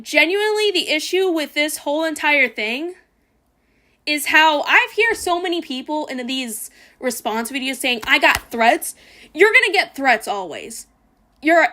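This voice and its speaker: A high-pitched woman streamer with a bright, sharp tone talks over a video in a blunt, foul-mouthed rant. She mocks and mimics in a loose, casual reaction style. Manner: blunt and profane, ranting, mocking; sarcastic mimicking voices.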